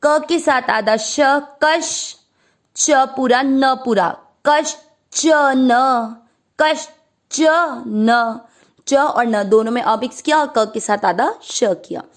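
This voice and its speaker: A woman teaching Sanskrit verse pronunciation, breaking words into syllables and reciting them slowly and drawn out. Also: high-pitched. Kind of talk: patient pronunciation lesson.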